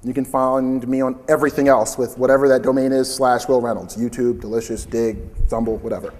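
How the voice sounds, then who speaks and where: Conference speaker, male, loud and chatty, reverberant hall. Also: mid-range voice, fairly even intonation, a little fast. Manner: loud, chatty, invites interruptions. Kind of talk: live conference presentation.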